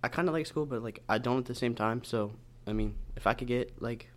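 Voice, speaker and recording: A man's voice: medium pitch, fairly quick. A teenage boy answering hesitantly with lots of fillers, mumbling in a casual chat. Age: teens. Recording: distant from the mic.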